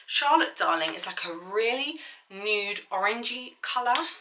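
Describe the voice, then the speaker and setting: A woman's voice: mid-range voice, animated, unhurried, noisy background. A woman chatting casually through a makeup tutorial in a bubbly, gushing manner, with a slight lisp on her s sounds. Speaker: beauty vlogger.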